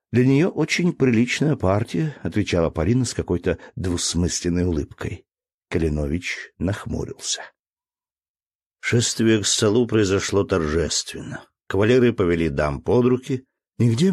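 A man narrating a classic novel in a measured, even reading. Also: low voice, dry recording, clean studio sound. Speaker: audiobook narrator.

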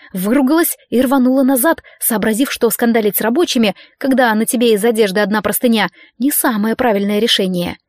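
A woman reading a first-person fantasy novel aloud, in a lively manner, raising her voice for the other characters. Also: no echo, clean studio sound. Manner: reads lively, voicing other characters with a raised pitch. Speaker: audiobook narrator.

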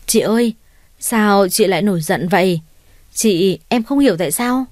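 A woman's voice: medium pitch, moderate pace, a little mellow, dry recording, lightly acted. A woman reading an eager young male doctor. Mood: pleading. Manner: polite, eager to please.

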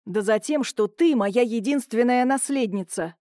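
A woman voicing a gruff, blunt older brother. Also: fairly high pitch, normal speed, mellow, no echo, studio quality, close to an everyday voice. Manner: curt, growling. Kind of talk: audiobook character voicing.

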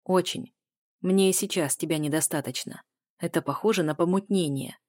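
A woman reads the part of a brooding man, calm and insistent, with a touch of mockery. Her tone is low and mellow. The sound is dry. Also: moderate pace, no echo, close to an everyday voice. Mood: intimate. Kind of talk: audiobook character voice.

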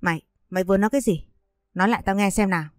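A woman voicing a sharp-tongued, scolding middle-aged mother-in-law who sneers at her son's wife. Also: mid-range voice, very fast, no room sound, clean studio sound, close to an everyday voice. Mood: indignant.

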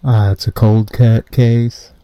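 A man on a prank phone call whose voice comes through muffled, as if from behind a wall, speaking slowly and haltingly and repeating himself. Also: lowish voice, little pitch movement, dark tone, clear, resonant tone, no room sound. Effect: muffled, as if heard through a wall. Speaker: caller.

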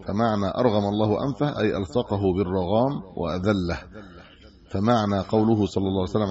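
A man's voice: lowish voice, darkish tone. A middle-aged man with an Egyptian accent, a sheikh teaching hadith commentary, who reads the texts aloud and then explains them in colloquial asides. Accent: Egyptian Arabic. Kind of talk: religious lesson reading and explaining hadith. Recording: dull lo-fi lecture recording.

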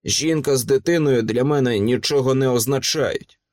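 A man's voice: medium pitch, normal speed, a little mellow, close to an everyday voice. A man voicing a cruel, gloating monster that gives menacing commands.

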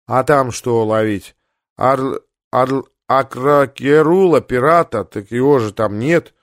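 A man reading the part of a dazed, drunk male professor who talks slowly and stumbles over words. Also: medium pitch, no room sound, clean studio sound. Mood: slurred. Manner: slow, slurred, stumbling speech.

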